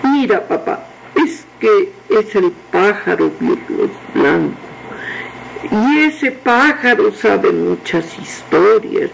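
A man's voice: animated, takes it slowly, vocal fry, fairly bright tone, slight background noise, full character voice, low-quality recording. A man voicing an anxious, sweet little girl in a children's tale. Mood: eager. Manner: high pleading childlike voice.

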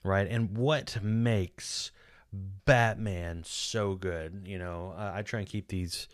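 A Texan podcast host in his forties, with a low, steady voice and a slow pace, rambles chattily through a casual solo video commentary, full of restarts and fillers. He records close on a boom-mounted studio mic in a small home studio, dry with no echo.

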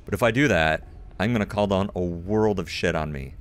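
His voice is low and fairly quick, with a little hiss or hum in the recording. As a gaming video host, he talks his way through a let's play over the game's sounds and music, frequently ribbing himself along the way.

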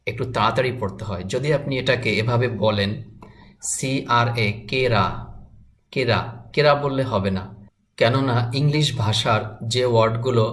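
A male teacher giving a slow, deliberate spelling lesson, sounding each syllable after spelling it. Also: mid-range voice. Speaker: English teacher.

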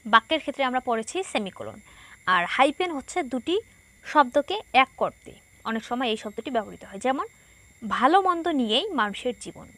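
A woman's voice: high-pitched, big pitch swings, moderate pace, a bit bright. A woman teacher from Bangladesh explaining a textbook lesson, patiently repeating each point and asking herself questions.

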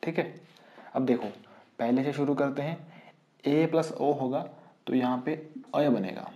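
A man's voice: mid-range voice, a little slow, warm tone, muffled recording. A man teaching a grammar lesson for exam prep, asking the class questions and answering them himself. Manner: quizzes students, repeats rhetorical questions.

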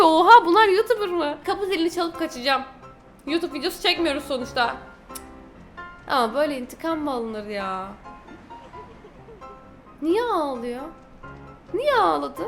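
A young woman giving excitable, casual commentary while playing a game, reading the choices aloud and talking to her viewers. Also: high-pitched. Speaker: gaming YouTuber.

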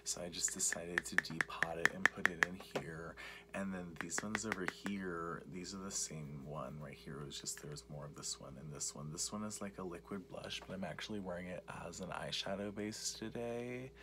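A young man doing soft-spoken, mostly whispered ASMR as a makeup vlogger, rambling and repetitive in a campy way, with a breathy murmur. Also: steady tone, normal speed. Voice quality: breathy whisper mixed with low creaky murmur. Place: small cluttered room indoors. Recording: noisy home recording with clicking and tapping.

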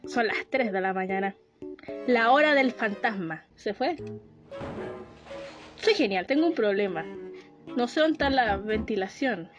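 A woman's voice: a little high, lively intonation, measured pace, long pauses, over music. A woman giving casual commentary while playing a horror game, easily frightened, shrieking and laughing nervously.

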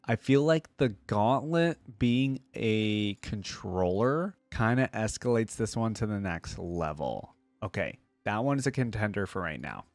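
Speaking at a measured pace with lively intonation, this fairly low-pitched man in his thirties riffs informally as a reaction video creator. He uses a close desk microphone with a headset; the sound is dry, with faint music in the background.

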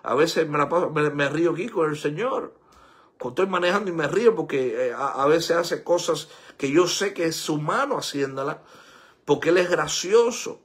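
An older man preaching a sermon as pastor, exhorting and rising to high, emphatic peaks. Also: lively intonation, normal speed, slightly rough. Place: church sanctuary.

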